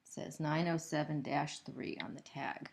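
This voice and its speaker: A woman's voice: sits low, steady tone, moderate pace, creaky, a little hiss or hum. A woman narrating a corporate training video as a trainer, explaining each step in a patient, methodical, unscripted way. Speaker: trainer for gallery sales staff.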